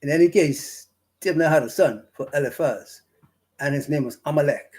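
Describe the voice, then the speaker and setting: A Bahamian man giving an informal Bible study, reading verses slowly and pausing often with fillers and restarts. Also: a little high, a little mellow. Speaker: Bible teacher. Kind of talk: slow informal scripture study talk.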